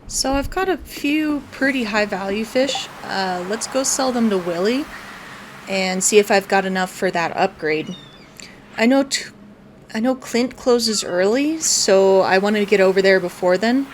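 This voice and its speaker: A woman hosting a gaming video runs a casual let's play, explaining her plans step by step as she goes. Her voice is mid-range and measured in pace, with a little hiss or hum on the recording and game music playing behind her.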